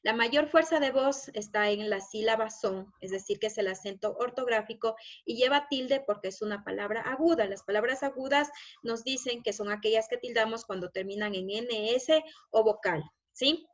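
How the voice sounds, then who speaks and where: A woman's voice: on the high side, moderate pace, muffled recording. A woman teaching a recorded lesson over slides, explaining step by step and checking in often with short questions.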